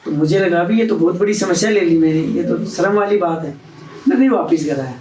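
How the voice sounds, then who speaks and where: A man with a high voice tells a long personal story to an interviewer. He acts out the lines of the people in it as he goes. The sound is roomy and picked up from some distance. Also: a little fast, slight background noise. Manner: animated storyteller acting out quoted dialogue. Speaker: interview guest.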